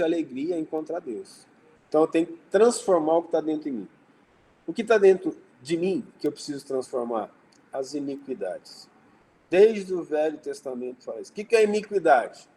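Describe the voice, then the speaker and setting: A spiritist lecturer with a Brazilian Portuguese accent gives an informal religious study talk in a fairly high, darkish voice. He speaks conversationally, telling anecdotes and acting out dialogue, on a low-quality recording.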